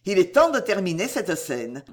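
A man reading an audiobook, voicing a firm, authoritative doctor who speaks briskly and commandingly. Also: high voice, sing-song.

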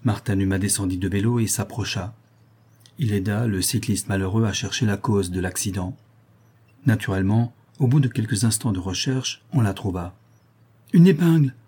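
Husky low-voiced male narrator. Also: steady tone, moderate pace, darkish tone. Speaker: audiobook narrator. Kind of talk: scripted narration of a novel.

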